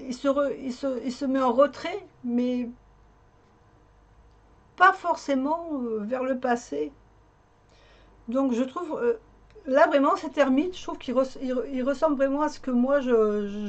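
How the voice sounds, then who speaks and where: A woman vlogger talks casually to her viewers, her voice sitting a little high. She hesitates often, filling pauses and restarting sentences as she goes. The recording sounds a bit dull and lo-fi. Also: a little mellow. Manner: chatty, hesitant, many fillers and restarts. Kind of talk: casual chat.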